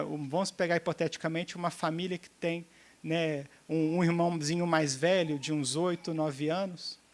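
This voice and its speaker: High-voiced man teaching a seminar. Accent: Brazilian Portuguese. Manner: checks in often with the audience, acts out quoted dialogue. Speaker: seminar speaker.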